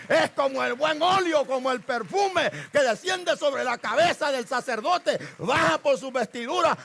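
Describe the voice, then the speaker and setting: A man preaching a fiery sermon to his church on a microphone, shouting and exhorting the congregation. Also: very high voice, vocal fry, a little hiss or hum. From Latin America. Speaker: pastor. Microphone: handheld microphone.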